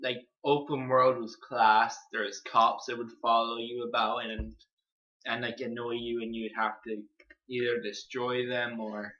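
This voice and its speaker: A man's voice: mid-range voice, flat delivery, measured pace, sharp tone. A young man co-hosting a casual gaming podcast, talking plainly and loosely. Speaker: podcast co-host. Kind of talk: casual chat. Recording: muffled lo-fi mic.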